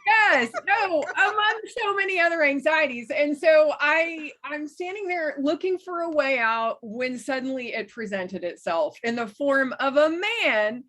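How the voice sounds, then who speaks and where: Author guest, woman from West Texas, somewhat high pitch, animated anecdotal storyteller. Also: unhurried, few pauses. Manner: lively, animated storyteller who laughs while telling.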